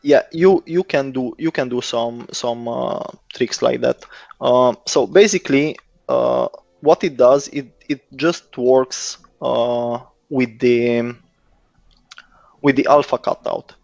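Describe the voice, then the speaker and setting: A man's voice: medium pitch, slow pace, vocal fry, a little mellow, no room sound. A man giving casual, hesitant technical explanations as a guest developer. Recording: dull lo-fi close dry audio.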